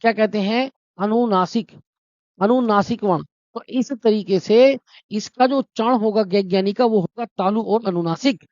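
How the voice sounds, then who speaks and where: A man's voice: sits high, moderate pace, darkish tone, dry recording. A man teaching a Hindi exam-prep lesson, explaining step by step, asking his own questions and answering them, and calling his students brother and friends. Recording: dry, dull lo-fi sound.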